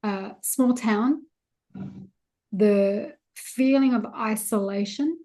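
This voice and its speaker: A woman giving a psychic reading, explaining things in a calm, conversational way. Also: mid-range voice, drawn-out words. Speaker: psychic reader. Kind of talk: casual reading.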